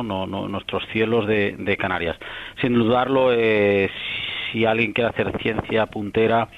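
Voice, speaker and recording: A man from Catalonia, an astronomer answering interview questions in a thoughtful, rambling way full of restarts and tag questions. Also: on the low side. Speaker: astronomer guest. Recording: muffled radio broadcast.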